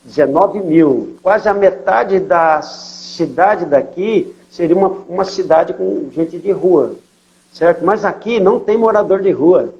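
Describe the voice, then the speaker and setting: An older São Paulo man, speaking with that city's Portuguese accent, relates his missionary stories in a conversational testimony interview, full of fillers and tag questions checking in with his listener. He's unhurried, with vocal fry and a voice a little high for a man. The recording sounds dull and lo-fi.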